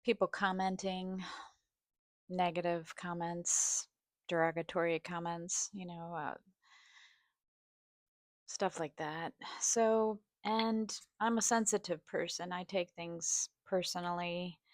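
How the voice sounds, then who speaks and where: A woman speaks slowly in a slightly low voice with vocal fry that can turn scratchy. She is halting and hesitant, pausing often as she rambles through a personal vlog. The sound is close and dry. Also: steady tone, no echo. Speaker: video host. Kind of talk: rambling personal vlog, partly reading a study aloud.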